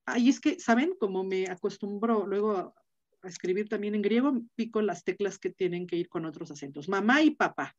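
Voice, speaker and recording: A woman's voice: mid-range voice, fairly quick, dark tone. A middle-aged woman with a Mexican accent teaching a Latin class online, chatty and full of fillers, often asking her students questions. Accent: Mexican Spanish. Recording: dull lo-fi video call audio.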